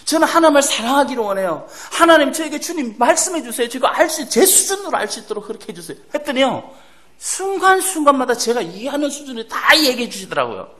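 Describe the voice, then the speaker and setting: A middle-aged man preaching a sermon in a church. His voice sits high and swings widely in pitch as he tells stories in a folksy, animated way. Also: fast talker. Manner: animated, folksy storytelling with acted prayers and laughs. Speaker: missionary preacher. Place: church sanctuary.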